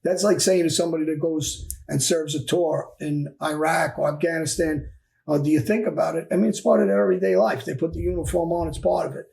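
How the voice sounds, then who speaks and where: Casting: man, very gravelly voice with a slightly raised pitch, blunt and emphatic storyteller in a sit-down interview. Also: brisk, a little mellow. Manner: blunt, emphatic, repeats phrases. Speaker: former mob enforcer guest.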